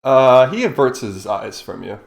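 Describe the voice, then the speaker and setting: A man running a tabletop game as game master, narrating and voicing characters with animated shouts. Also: medium pitch, unhurried, creaky.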